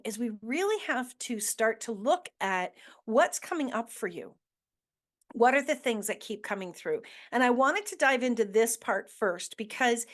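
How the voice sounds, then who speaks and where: A woman hosting a motivational talk, coaching listeners with earnest questions and emphatic repetition. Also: medium pitch. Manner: slow deliberate delivery with emphatic repetition. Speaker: host.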